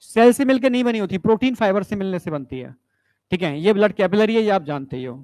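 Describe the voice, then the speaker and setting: A man with a very high voice lectures a biology class, keeps checking that the students follow, and slips English science terms into his Hindi. The sound is dry and close, with no room echo. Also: fast, a little mellow. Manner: coaxing, keeps asking if students understood. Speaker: biology teacher.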